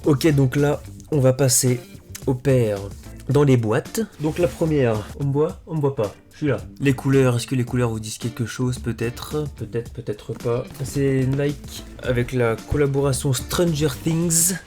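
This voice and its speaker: A man talking casually as a vlogger, presenting things in a relaxed show-and-tell with frequent fillers and self-corrections. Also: mid-range voice, unhurried, soft background music. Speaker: sneaker vlogger.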